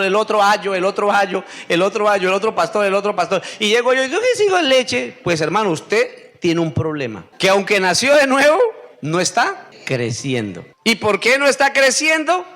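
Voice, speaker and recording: A man's voice: lively intonation, bright, forceful tone. A man, a pastor preaching a sermon, asking the congregation questions and stretching out the answers. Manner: call-and-response questioning, drawn-out answers; acts out whiny voices in a high squeak.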